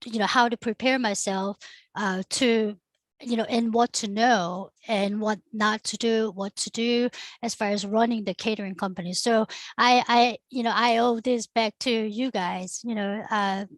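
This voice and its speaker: A woman's voice: fairly high pitch, dry recording. A middle-aged woman from Korea with a Korean accent, a catering founder talking through her career on a discussion panel, earnest and full of fillers. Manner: earnest storytelling with frequent fillers. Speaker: catering company founder, guest.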